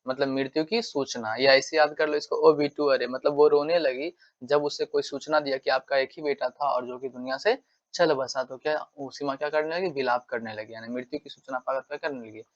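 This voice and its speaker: A man's voice: medium pitch, fairly even intonation, brisk. A male English teacher giving a casual exam-prep lesson, repeating himself and checking in with tag questions. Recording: dull lo-fi sound.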